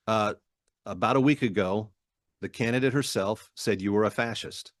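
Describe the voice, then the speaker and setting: A man's voice: lowish voice, normal speed, dry recording, clean studio sound. A middle-aged American man hosting a talk show, speaking in emphatic monologue and repeating phrases in short punchy statements. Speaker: radio talk show host. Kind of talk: political monologue and promotional appeals.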